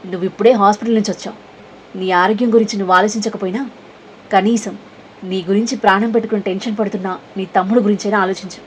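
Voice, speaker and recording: A woman's voice: mid-range voice, steady tone, fast talker, a little hiss or hum, lightly acted, low-quality recording. A woman voicing a headstrong young woman who scolds sharply, in a storybook reading. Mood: scolding.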